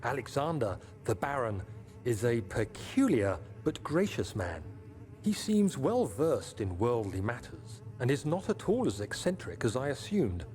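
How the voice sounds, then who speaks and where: An actor playing a troubled, educated nineteenth-century gentleman, reading his journal in a formal, solemn way for a video game. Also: mid-range voice, big pitch swings, a little hiss or hum. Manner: formal, solemn, measured recital. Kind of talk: scripted diary narration in a video game.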